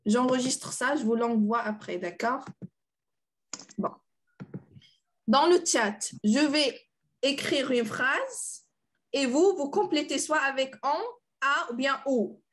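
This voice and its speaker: A woman's voice: sits high, slow pace, long pauses, a bit bright. A woman teaching French in an online class over a video call, playful and encouraging, laughing often.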